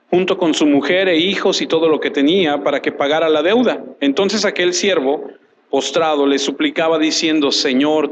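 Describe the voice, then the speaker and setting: A man preaching a sermon as a pastor. He asks questions and answers them himself, repeats short phrases for emphasis and reads scripture aloud in a measured way. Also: a little high, slight background noise, rough recording. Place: church.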